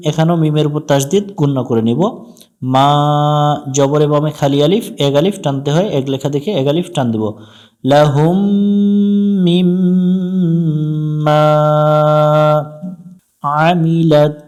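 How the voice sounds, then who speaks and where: A man with a Bangladeshi Bengali accent teaching Quran recitation step by step, switching between drawn-out melodic chanting of verses and plain spoken pointers on how to say them. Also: on the high side, mellow. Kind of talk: slow step-by-step recitation lesson.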